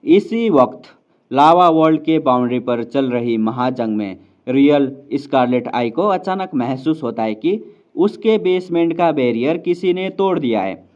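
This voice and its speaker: A man narrating a fantasy story recap in a casual, chatty way, speaking to his viewers like friends. His voice sits at an ordinary middle pitch. The recording is slightly dull and lo-fi. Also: animated, measured pace, darkish tone. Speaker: storyteller explaining a novel.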